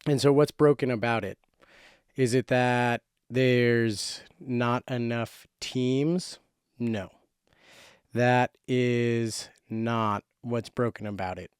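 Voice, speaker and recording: A man's voice: medium pitch, steady tone, slow pace, clean tone, no room sound, clean studio sound. A man hosting a YouTube sports show from a closet, giving casual, slangy, emphatic commentary in a monologue. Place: small closet indoors.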